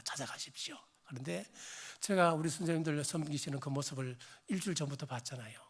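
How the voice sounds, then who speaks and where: A hoarse middle-aged pastor with a Gyeongsang accent, preaching a sermon in a church, swinging from emphatic exhortation to chatty storytelling. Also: male voice, on the high side. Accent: Gyeongsang Korean. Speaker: senior pastor. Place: church sanctuary.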